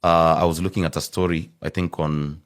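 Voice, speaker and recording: A young man with a very low voice and a Kenyan accent talks in a casual panel discussion. He lays out his reasons one point at a time. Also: level tone, fairly quick. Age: young adult. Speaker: panelist rating politicians.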